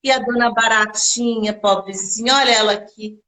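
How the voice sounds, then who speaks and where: A woman teacher and storyteller telling a children's folktale live, animated and talking straight to her audience. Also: on the high side, normal speed, a little hiss or hum. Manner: animated, addresses the audience directly. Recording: echoey room.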